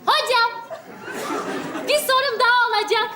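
Super squeaky naive girl-next-door type in a comedy sketch, noisy audience behind. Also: unhurried. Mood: eager, naive. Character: naive, silly young woman seeking advice. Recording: echoey hall, loud crowd and noise.

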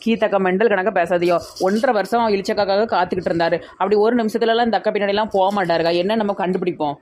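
A woman's voice: mid-range voice, steady tone, racing, darkish tone, a little hiss or hum, close to an everyday voice. A woman playing an eager village sidekick with a Tirunelveli Tamil accent. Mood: urging.

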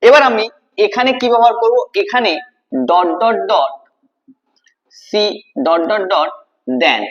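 A man's voice: high voice, expressive, takes it slowly, highs cut off. A man teaching an English grammar lesson to students, asking questions and then answering them himself, repeating key words. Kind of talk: classroom-style video lesson.

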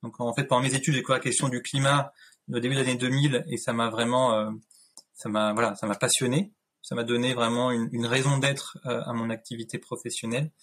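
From indoors at home, this thirties-aged man joins a video interview as a guest, his mid-range, fairly bright voice quick but flat in delivery. His casual answers are considered, full of fillers and false starts.

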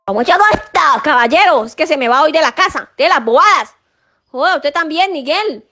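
A woman's voice: high voice, lively intonation, normal speed, sharp tone. A woman playing an exasperated scolding coastal mother. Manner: nagging, scolding, cursing. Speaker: sketch actor. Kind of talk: comedy sketch acting.

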